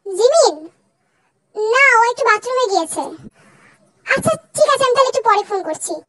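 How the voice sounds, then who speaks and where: A woman's voice: very high-pitched, expressive, moderate pace, a bit bright. A young woman voicing a young man, an older brother, who speaks in short, questioning phrases in a fan dub drama. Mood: curt.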